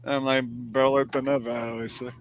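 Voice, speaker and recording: A man hosting a casual streamed podcast, an animated storyteller who swears freely. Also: medium pitch, quick pace, creaky, a little hiss or hum, low-quality recording. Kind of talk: casual chat.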